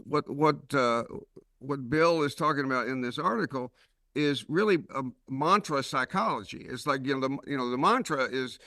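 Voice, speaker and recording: A man with a Southern US drawl hosts a casual podcast chat. He rambles through his stories with a wry, self-mocking edge. His voice is bright and forward, and it sits dry and close on the mic. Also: medium pitch, normal speed, dry recording. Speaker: podcast host.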